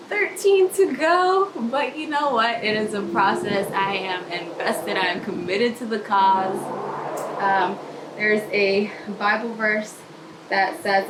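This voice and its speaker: A young Maryland woman who works as an emergency nurse chats upbeatly to the camera at arm's length, filming a casual video application in a plain room with a panelled wall. She laughs often, her voice is medium-pitched, and there's noise in the background.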